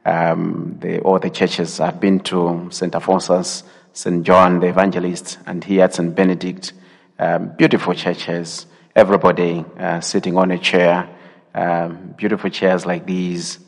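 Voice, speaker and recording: A man from Malawi with a Malawian accent, a visiting priest introducing himself to a congregation in a measured way. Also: deep voice, monotone, vocal fry. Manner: measured, with frequent um and uh. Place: church. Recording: long church reverb.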